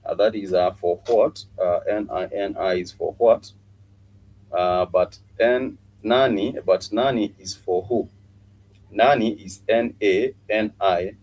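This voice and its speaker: Low-voiced man teaching a language. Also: slow pace, darkish tone, rough recording. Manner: patient, repeats phrases and spells words out. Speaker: Swahili teacher. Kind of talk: live online language lesson.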